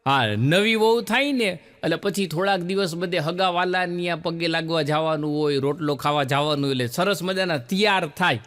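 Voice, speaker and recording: A man with a Gujarati accent tells comic stories on stage, his voice pitched high for a man. He jumps into the voices of the people in his jokes, then drops back to narrating. The sound carries a long hall reverb. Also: normal speed, hardly any pauses. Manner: animated storyteller acting out quoted characters. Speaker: stand-up comedian. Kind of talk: Gujarati joke telling to a laughing audience.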